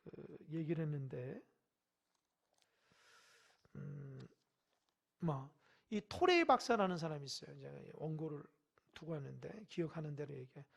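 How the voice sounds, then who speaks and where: A pastor preaching a midweek sermon in a church, emphatic and questioning the congregation directly, swinging from loud exhortation to hushed asides. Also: medium pitch, animated, measured pace, creaky, long pauses, husky. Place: church sanctuary.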